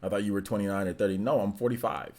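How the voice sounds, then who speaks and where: Racing along in a fairly low, steady voice with a darkish tone, a man in his forties reads viewer messages on his livestream. His chat is laid-back and rambling, peppered with slang.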